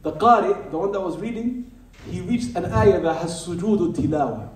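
A man's voice: high-pitched, lively intonation, moderate pace, slight background noise. Male preacher, lecture hall, roomy echo, heard from a distance, repeats phrases for emphasis. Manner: emphatic, repeats key phrases, rhetorical questions. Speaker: Islamic teacher. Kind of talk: lecture to a live audience. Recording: roomy hall, speaker far from the mic.

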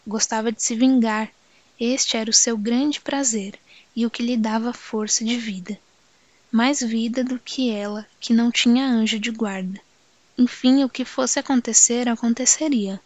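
A woman reads a literary novel aloud in a measured, reflective manner. Her voice sits fairly high, and the recording is close and dry, with no room sound. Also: a little mellow, dry recording. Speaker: audiobook narrator. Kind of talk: literary audiobook narration.

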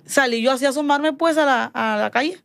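In a high, slightly fast voice with vocal fry, a Mexican woman shares a personal story as a guest on a podcast. The tone is chatty and casual. She acts out quoted exchanges with animation, often repeating "me dijo."

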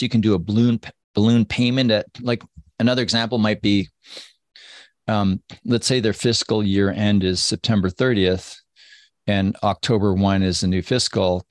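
A man hosting a business webinar, answering audience questions in a relaxed, conversational way with playful asides. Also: lowish voice, no room sound, studio quality. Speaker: webinar host and sales consultant.

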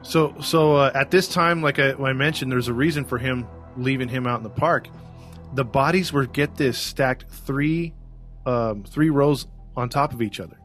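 A man's voice: mid-range voice, normal speed, a bit bright, soft background music. A man co-hosting a true-crime podcast, telling the case in a chatty, rambling way with many restarts. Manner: chatty storyteller, fillers and restarts. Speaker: podcast co-host. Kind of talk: casual true-crime chat.

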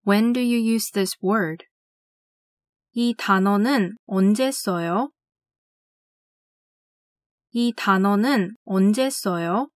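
A woman teaching language, reading classroom phrases slowly and carefully and saying each one twice. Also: medium pitch, no echo, studio quality. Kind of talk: scripted phrase drill.

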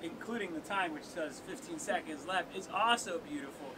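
High-voiced upbeat man coaching a workout. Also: normal speed. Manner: upbeat, joking, counting down. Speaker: workout host. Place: small seaside cave outdoors. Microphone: camera on tripod at a distance. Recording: noisy outdoor recording with wave rumble.

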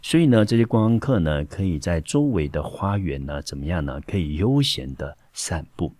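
Man, Taiwanese Mandarin accent, teacher walking through a lesson, filler-heavy explaining, deep voice. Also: sing-song, normal speed, a little mellow, no echo. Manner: step-by-step explanations with frequent fillers. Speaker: high school English teacher.

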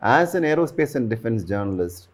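A man's voice: mid-range voice, very animated, a little fast. A man, hosting a promotional interview as a defense journalist, earnest with frequent "you know" fillers, recorded indoors in a living room. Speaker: host, aerospace and defense journalist.

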